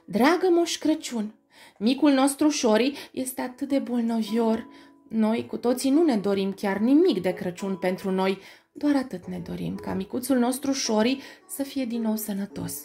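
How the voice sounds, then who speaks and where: A woman voicing a gentle, worried mother mouse who reads a letter in a soft, pleading, earnest voice, in a storybook reading. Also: fairly high pitch, soft background music, natural voice.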